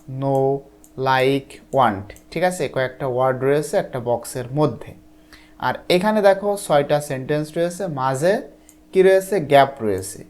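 A teacher from Bangladesh explaining textbook answers to students, reading English lines slowly, then translating them and often checking that they follow. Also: medium pitch, a little mellow. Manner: patient, repeats "ঠিক আছে?" to check understanding.

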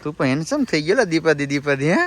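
Host: man, quick and fairly high voice, joking phone-vlog chat outdoors with faint ambience. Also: expressive. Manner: chatty, joking, addresses viewers as family. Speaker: vlogger host. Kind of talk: casual family travel vlog. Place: outdoors at a temple and village homes.

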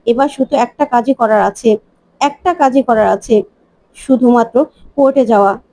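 A woman's voice: fairly high pitch, normal speed, dark tone, no echo, lightly acted. A woman reading the lines of an older father who talks insistently and emphatically, repeating his points. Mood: determined. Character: older determined father-in-law.

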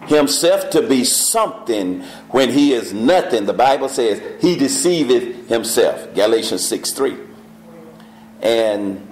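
A man teaching a Bible study class, reading scripture slowly and questioning the class. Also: mid-range voice, a little mellow, slight background noise. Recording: echoey church room.

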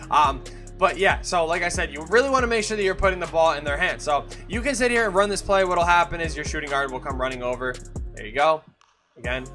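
Bright-voiced young man giving a casual game tutorial. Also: on the high side. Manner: casual and chatty, with many fillers and self-corrections. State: has the hiccups. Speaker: gaming YouTuber. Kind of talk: casual gameplay tutorial commentary.

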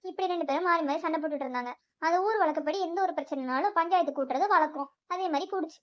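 A woman narrating a children's cartoon story in a lively storytelling way. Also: sits high, racing, a little hiss or hum. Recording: slightly muffled dry voice-over.

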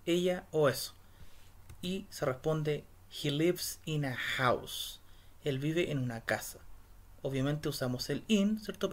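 A man teaching English in a recorded slide lesson, explaining step by step and reading the English phrases slowly and carefully. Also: a little high. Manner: patient, explains step by step, checks in with "¿ya?" and "¿cierto?". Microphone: voice-over. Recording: loud background music.

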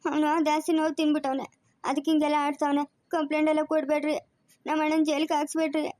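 A woman's voice: high voice, flat delivery, racing, a little mellow, no room sound, studio quality, natural voice. A woman doing a pleading, tearful grandmother. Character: pleading older village woman, soft-hearted grandmother.

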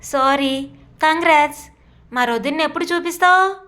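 A woman voicing a lively, stubborn young female college student who answers back teasingly in a storybook reading. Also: high-pitched. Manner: teasing, stubborn, quick retorts.

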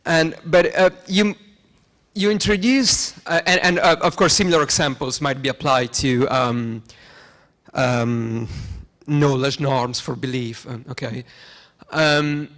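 Young man asking a halting question. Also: medium pitch, fairly even intonation, fairly bright tone. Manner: halting, many ums. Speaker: audience member asking a question. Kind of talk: academic question. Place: lecture hall seating. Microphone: handheld mic.

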